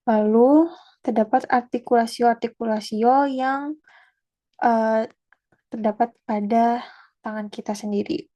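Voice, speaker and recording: A young woman student walks through an anatomy lesson, pausing often and correcting herself mid-word. Her voice sits fairly high but sounds mellow and soft-edged. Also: fairly even intonation, lo-fi sound. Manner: halting, with fillers and self-corrections. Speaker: student presenter. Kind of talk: anatomy presentation.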